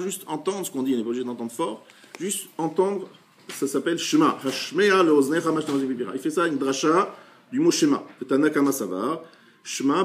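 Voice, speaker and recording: Rabbi guy teaching gemara, kinda high voice, reads the slow then explains it again. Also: slight background noise. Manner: explains step by step, reads Hebrew and Aramaic phrases slowly then translates; often rephrases and repeats. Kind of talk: Talmud class lecture.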